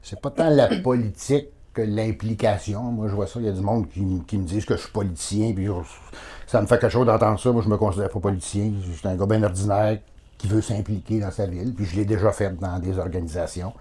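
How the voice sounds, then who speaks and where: A Québécois town mayor in his fifties, from Quebec, chats plainly as an interview guest, folksy and full of fillers. His voice is fairly low and steady, warm, slightly rough, and he talks fast.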